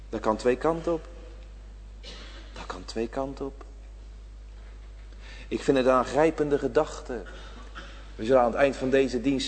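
A man preaching a sermon with great passion, dropping to a hush and then rising to a shout. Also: medium pitch. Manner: impassioned preaching, swinging between hushed and shouted. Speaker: pastor. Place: church. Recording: church hall reverb.

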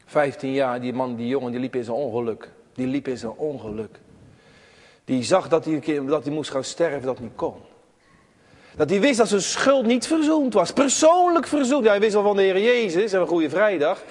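A man preaching a sermon to his congregation, emphatic, rising to high cries and dropping to hushed tones. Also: moderate pace, long reverb tail. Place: church.

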